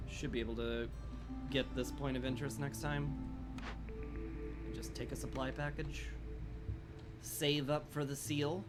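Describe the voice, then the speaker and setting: A man with a raspy, strained throat streams a game over background music. His mid-pitched voice rambles casually through live commentary, with a wry, self-deprecating touch. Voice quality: raspy, like a smoker's rasp.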